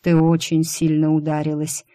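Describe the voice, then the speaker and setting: A woman reading an audiobook, voicing a male boss who teases and mocks, sometimes shouting. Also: on the high side, completely flat delivery, moderate pace, lightly acted. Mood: teasing. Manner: mocking, playfully teasing, bursts into yelling. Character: teasing, mocking male boss, quick to shout.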